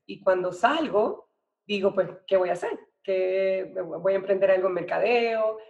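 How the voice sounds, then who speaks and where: A middle-aged woman from Puerto Rico, a real estate and banking professional, tells her story as a podcast guest, chatty and sprinkling in English business terms with her Puerto Rican accent. Her medium-pitched voice is unhurried and a little mellow, and the recording is muffled.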